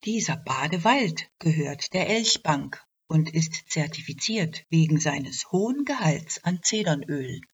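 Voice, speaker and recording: A dry male expert from a storybook, lecturing in a matter-of-fact way. A woman reads him. The voice is low and husky, and the recording sounds dull. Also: lively intonation, a little slow, few pauses, exaggerated voice.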